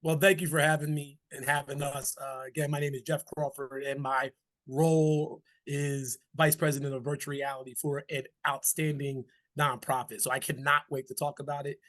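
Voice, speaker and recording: A man's voice: on the high side, little pitch movement, normal speed, a bit bright. A middle-aged man, giving an upbeat, folksy webinar presentation. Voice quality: raspy.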